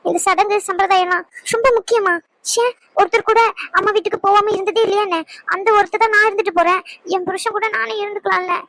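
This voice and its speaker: A woman's voice: very high-pitched, fairly even intonation, quick pace, fairly bright tone, no room sound. A woman voicing a young wife in a cartoon who is emotional, clingy and pleading. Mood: anxious. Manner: emotional, pleading, self-questioning. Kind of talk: animated cartoon voice acting.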